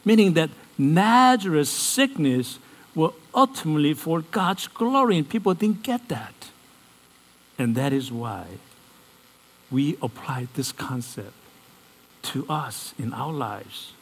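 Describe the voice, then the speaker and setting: A man delivers a sermon at an unhurried pace, letting his phrases settle. His pitch climbs and falls widely as he keeps putting questions to the congregation. He sits a little high for a man. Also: expressive, breathy edge, low-quality recording. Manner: acts out Bible characters in casual modern speech. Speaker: preacher.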